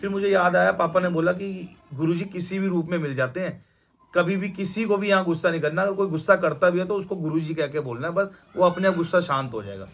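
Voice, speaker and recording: A young man recounts a personal story in a loose, rambling way, stopping and restarting often. His voice sits a little higher than most men's. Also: quick pace, gravelly. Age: young adult. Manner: rambling, with many restarts and fillers. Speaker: devotee sharing a testimony. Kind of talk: casual storytelling testimony.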